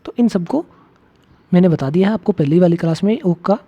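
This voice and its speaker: A man's voice: high voice, animated, a little fast, husky. A man teaching a grammar lecture for exam students. He keeps asking the class questions and repeating his key points. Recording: slightly dull lo-fi audio.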